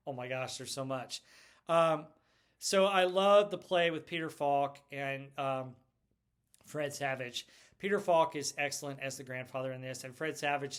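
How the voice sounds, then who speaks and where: A man's voice: mid-range voice, fairly bright tone. A middle-aged man hosting a casual pop culture video, chatty and rambling, laughing often as he talks. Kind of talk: casual movie retrospective talk.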